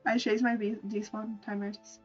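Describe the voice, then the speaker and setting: This VTuber artist speaks a little fast in a mid-range voice with little pitch movement, picked up by a distant mic with dull audio and soft music behind. She's showing off her drawings on a livestream, chatting informally, playfully, and with plenty of swearing.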